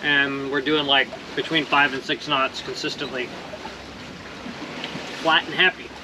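A solo sailor vlogger in his forties narrates casually from the deck of his small sailboat at sea, with the wind blowing. His mid-range voice is relaxed and upbeat, loose with fillers and soft laughs. An action camera close by picks up windy open-water audio, with wind and water rushing past the hull.

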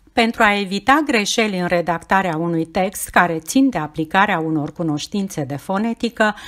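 A woman as a teacher, reading a scripted grammar lesson in a clear, measured, explanatory way. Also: fairly low pitch.

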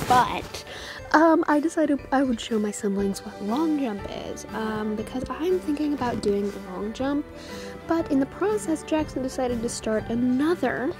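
A teenage girl giving a casual, chatty vlog outdoors into a phone, with a bossy, giggly manner. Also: fairly high pitch. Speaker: older sister vlogging, coaching siblings. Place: outdoors on a driveway. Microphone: phone held at arm's length.

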